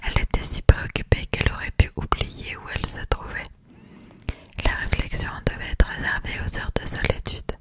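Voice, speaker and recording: Soft whispered ASMR novel reading. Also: moderate pace. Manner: soft unvoiced whisper throughout. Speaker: audiobook-style reader.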